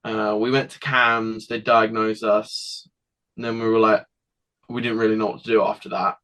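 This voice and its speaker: A man's voice: fairly low pitch, level tone, fairly bright tone, low-quality recording. A teenage boy talks through his past as an interview guest. He rambles and halts, restarting sentences and acting out little quoted exchanges along the way. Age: teens. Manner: rambling, halting, with many restarts and acted quotes. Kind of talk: casual interview storytelling.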